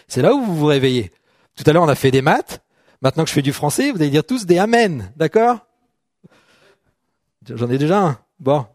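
Middle-aged man preaching, chatty and animated. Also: sits high, dry recording, clean studio sound. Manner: conversational, checks in with "d'accord?", jokes with the congregation. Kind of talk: sermon. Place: church hall.

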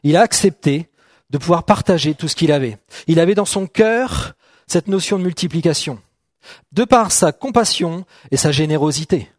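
Middle-aged man preaching, chatty and animated. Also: a little high, moderate pace, dry recording, clean studio sound. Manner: conversational, checks in with "d'accord?", jokes with the congregation. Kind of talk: sermon. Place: church hall.

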